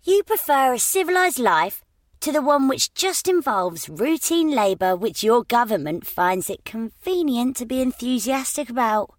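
A man performs an earnest young man who presses his questions with indignant insistence, pitching his voice very high, above his natural range. The delivery is animated and at normal speed, in a dry, clean studio recording.

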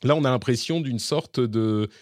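A man's voice: medium pitch, normal speed, darkish tone, no room sound, clean studio sound. A man with a slightly hybrid French accent co-hosting a casual tech podcast, explaining with many fillers and restarts. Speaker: podcast co-host.

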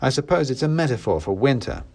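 A man's voice: medium pitch, very animated, fast talker, gravelly, darkish tone, voice pushed up. A man voicing a sulky, indignant red-haired boy in a raised, petulant voice while reading an audiobook. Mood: eager.

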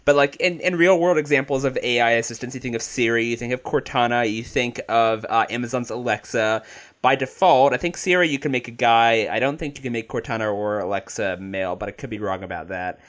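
A man co-hosting a podcast in relaxed conversation. He talks at a middle pitch and slips in wry asides. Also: a little fast. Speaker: podcast co-host. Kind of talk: casual chat.

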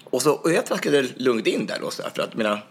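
A man co-hosting a casual podcast chat, an animated storyteller. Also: slightly rough. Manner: animated storyteller, acts out others' lines with high shouts. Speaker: podcast co-host.

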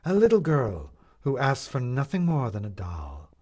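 A man reading a story, voicing a grandiose male showman who milks a crowd with drawn-out proclamations. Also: wildly swooping pitch, darkish tone. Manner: theatrical, booming, drawn-out proclamations.

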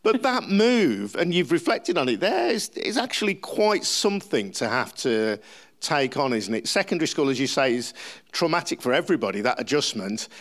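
A man's voice: mid-range voice, very animated, normal speed. A man conducting a conversational interview in an affirming, reflective manner.

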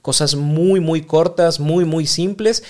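A man's voice: fairly high pitch, takes it slowly, a little mellow. A man with a Mexican accent hosting a podcast, talking straight to the listener and explaining ideas through small acted-out exchanges. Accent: Mexican Spanish. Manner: speaks directly to the listener and acts out little dialogues. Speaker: podcast host.

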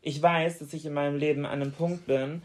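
A woman's voice: deep voice, steady tone, fairly quick. A woman in her late twenties co-hosting a podcast in casual chat, frank and teasing. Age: late 20s. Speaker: podcast co-host.

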